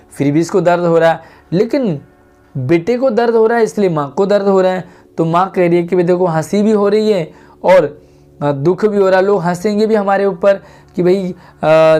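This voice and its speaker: A man's voice: high-pitched, darkish tone. A man teaching a Hindi lesson to schoolchildren, patiently reading lines of a play aloud and then explaining them.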